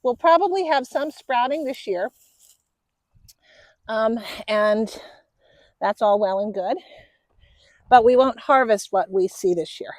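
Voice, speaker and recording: A woman talks through her planting in a relaxed, chatty way as she works an outdoor garden bed. Her voice sits a touch high, and it comes across close and dry. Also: takes it slowly, long pauses, dry recording. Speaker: gardening channel host. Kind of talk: casual how-to gardening talk.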